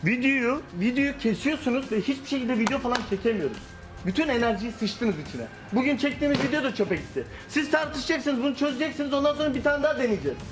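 A very high, quick man's voice that scolds and taunts. It is heard in a video clip, with music running clearly behind him. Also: expressive. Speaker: friend in prank video. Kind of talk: argument in a video.

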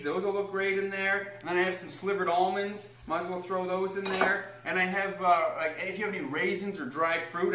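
Bright and forceful, this high male voice belongs to a young home cooking host showing a recipe in an echoey kitchen with slight background noise. He keeps things upbeat, explaining every step and cheering for the little child assisting him.

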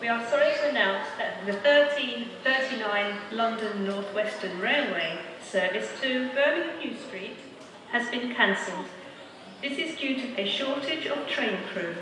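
Woman's announcement over a station loudspeaker. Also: on the high side, lively intonation, a crowd in the background. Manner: measured, formal, evenly paced. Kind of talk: automated platform announcements. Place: railway station platform, outdoors. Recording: echoey, distant, noisy platform. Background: passing train and station noise.

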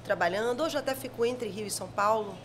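A woman's voice: on the high side, fast talker, slight background noise. A woman in her forties from Bahia, with a Bahian accent, chatting expressively as a podcast guest in a studio. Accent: Bahian Portuguese. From Salvador, Bahia, Brazil. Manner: expressive, gestures a lot while talking. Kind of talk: casual interview chat. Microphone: studio mic on a stand.

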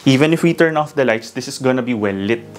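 A man's voice: mid-range voice, expressive, fast talker, faint music behind. A man in his thirties, a real estate broker, giving a polished walking house tour of a townhouse, pointing out features room by room. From Philippines. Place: bright empty townhouse rooms indoors.

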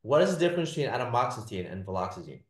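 A man's voice: mid-range voice, big pitch swings, rapid-fire, reverberant. A man teaching a class, repeating his points and checking in with the students with "all right?" and "does that make sense?". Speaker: lecturer. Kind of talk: classroom lecture.

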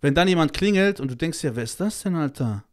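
Blunt, crude-talking man, slightly high voice. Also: lively intonation, fast. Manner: blunt and crude, heavy slang, swears, keeps saying "Alter"; heated, emphatic storytelling. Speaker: guest, child-protection activist. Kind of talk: casual podcast conversation.

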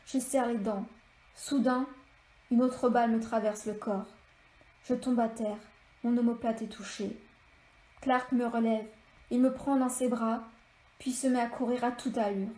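A woman author reading an extract of her novel aloud in steady, measured storytelling. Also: on the high side. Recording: echoey room.

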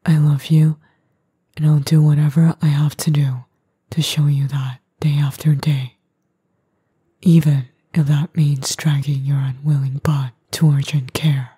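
A woman voicing an edgy young boyfriend, gruff but tender and worried, in a breathy, husky, halting whispered role-play. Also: low voice, level tone, dark tone, no echo, studio quality, exaggerated voice. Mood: earnest, tender.

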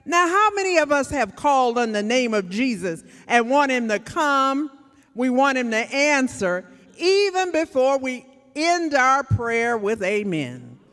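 A woman's voice: high voice, sing-song, unhurried, a bit bright. An older woman, an associate minister, preaching a sermon from a church pulpit into a handheld microphone, speaking to the congregation. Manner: preaching with call-and-response asides to the congregation. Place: large church sanctuary, standing at the pulpit. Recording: church sanctuary reverb with faint music.

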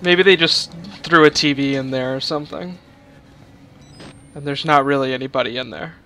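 A man's voice: mid-range voice, moderate pace, pushed and bright. A man co-hosting a horror game let's-play, joking around and fretting about getting scared. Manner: jokey, nervous about scares. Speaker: co-host. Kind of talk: casual let's-play chat. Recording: faint background noise.

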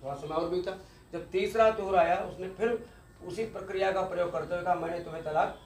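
A man delivers an exam-focused law lecture in a slightly high voice, patiently explaining and repeating key terms. His voice rings in an echoey room. A faint ambient hiss sits underneath. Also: fairly quick. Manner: explanatory, repeats key terms, mixes English legal words.

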